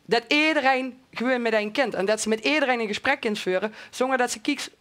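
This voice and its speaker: A woman's voice: on the high side, fairly quick, fairly bright tone. A woman with a Limburg accent telling an anecdote casually as a panelist.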